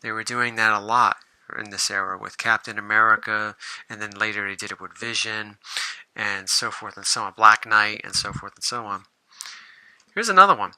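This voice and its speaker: A man's voice: on the low side, normal speed, bright, forceful tone, clean tone, no room sound, low-quality recording. A man hosting a casual show-and-tell video about comic books, rambling, with lots of fillers and restarts. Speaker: comic book collector and channel host.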